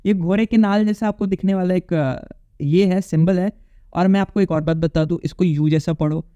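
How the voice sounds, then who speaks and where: High-voiced man teaching, dark muffled sound. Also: steady tone, moderate pace, clear, resonant tone, no echo. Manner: casual, repetitive, checks in with "okay?". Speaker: English teacher. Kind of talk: exam-prep phonetics lecture.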